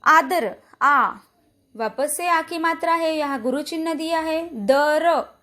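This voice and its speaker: A woman's voice: extremely high pitch, measured pace, fairly bright tone. A woman teacher from India giving a recorded Hindi lesson, patiently explaining verse meter and stretching out syllables as she demonstrates. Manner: checks in with frequent "है ना?". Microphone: phone or app voice recorder.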